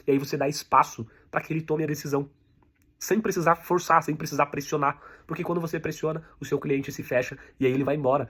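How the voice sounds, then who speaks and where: Fast-talking husky Brazilian sales coach. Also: male voice, fairly high pitch. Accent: Brazilian Portuguese. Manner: direct, repetitive coaching, addresses the viewer as you. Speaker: sales instructor. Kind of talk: online sales lesson.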